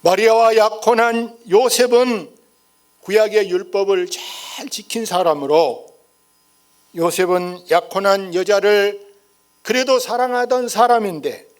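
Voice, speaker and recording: A male pastor delivers a storytelling sermon in a notably high voice. He speaks slowly and turns often to address the congregation directly.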